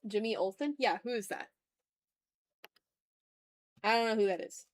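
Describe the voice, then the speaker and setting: A woman with a slightly high voice talks at a measured pace in a dry recording. She's drawing on an art livestream, chatting informally and rambling, swearing a bit, putting herself down, and reading out viewer comments.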